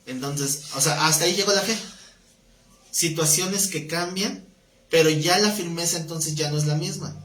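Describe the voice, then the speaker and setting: A man's voice: fairly high pitch, normal speed, a bit bright. A man teaching a live-streamed Bible class in a conversational way, often asking his listeners questions. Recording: roomy sound with faint background noise.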